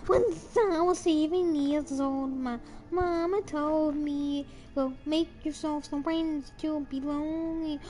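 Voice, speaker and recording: Young female streamer, high and mellow, sings along over faint music. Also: fairly even intonation. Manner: sings along to music, then chats quickly with viewers. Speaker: livestreamer. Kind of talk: singing along and chatting to stream viewers. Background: music playing.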